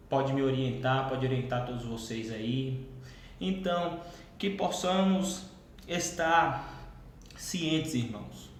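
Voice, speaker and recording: A man who exhorts a Bible study group in a repetitive, insistent way and keeps addressing them as brothers. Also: medium pitch. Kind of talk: preaching-style exhortation. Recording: very echoey room, faint background hum.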